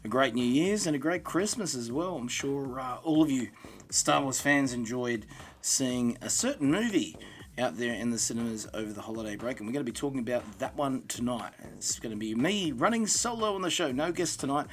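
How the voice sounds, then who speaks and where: A man's voice: medium pitch, expressive, a little fast. A man with an Australian accent hosting a solo podcast in an informal, matey, rambling way. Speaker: podcast host. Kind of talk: casual solo podcast monologue.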